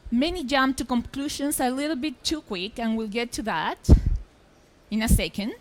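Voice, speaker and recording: A middle-aged woman from Chile, giving a lively, emphatic conference presentation from a stage microphone. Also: fairly high pitch, normal speed, rough recording. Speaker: journalist, conference speaker. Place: expo hall stage.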